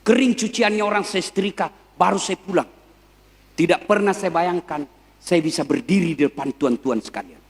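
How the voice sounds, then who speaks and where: A male preacher, giving a lively, joking sermon and speaking directly to a live crowd. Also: high voice, normal speed. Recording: long hall reverb.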